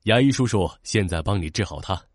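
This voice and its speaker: Storybook dentist, low husky voice with lively lilt, fatherly and reassuring, a man acting. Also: fairly quick, no room sound, studio quality. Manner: gentle, reassuring.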